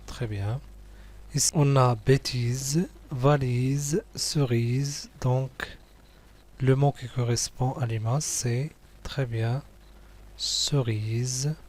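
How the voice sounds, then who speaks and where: Male primary teacher, husky voice, very slow and patient delivery, repeats words. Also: medium pitch, steady tone, darkish tone. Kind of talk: slow worksheet walkthrough for young pupils.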